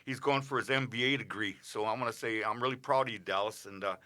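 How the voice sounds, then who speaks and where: A middle-aged man on a radio show, rambling casually through birthday shout-outs with lots of filler sounds. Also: fairly low pitch, quick pace. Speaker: regular radio segment host. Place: radio studio.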